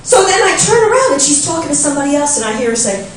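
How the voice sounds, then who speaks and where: A middle-aged woman performs a brash stand-up routine, her high voice swooping up and down as she acts out gossip. The sound is echoey, picked up from a distance in a club, with faint room noise behind her. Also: sing-song, racing. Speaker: stand-up comedian. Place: comedy club stage.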